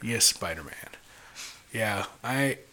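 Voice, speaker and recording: A man's voice: on the low side, expressive, slow pace, crowd noise. A man co-hosting a casual chat, eager and rambling, explaining things at length.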